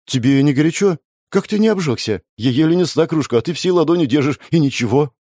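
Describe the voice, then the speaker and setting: A man voicing a cheerful, insistent young woman sniper with a sweet tooth in an audiobook, bubbly and squeaky when she pleads. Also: expressive, fast talker, a little mellow, no echo, studio quality. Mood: eager. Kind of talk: audiobook character voice.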